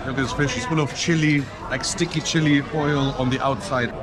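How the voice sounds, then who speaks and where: Speaking a little fast in a medium-pitched, fairly even voice, this man is a Kenyan-Swiss travel vlogger doing a casual food tasting on camera. He eats outdoors and in a restaurant, talking with his mouth full and eagerly listing the flavors he notices.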